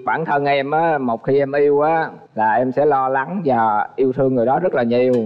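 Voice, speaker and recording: A man's voice: medium pitch, moderate pace, highs cut off, faint music behind. Polite young man contestant, reverberant sound. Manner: polite, deferential, short replies. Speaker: male contestant. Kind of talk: answering interview questions.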